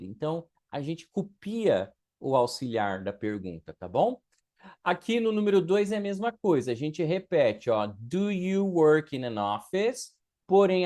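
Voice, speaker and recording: A man's voice: fairly high pitch, a little mellow. A man teaching English to beginners in an online class, patiently spelling out example sentences. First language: Portuguese.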